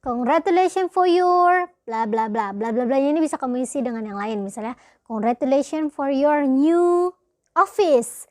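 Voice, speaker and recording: A woman's voice: sits high, no room sound, clean studio sound. Chatty Indonesian woman teaching English. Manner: chatty, switches between casual explanation and slow drilled example sentences. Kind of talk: online lesson explaining grammar.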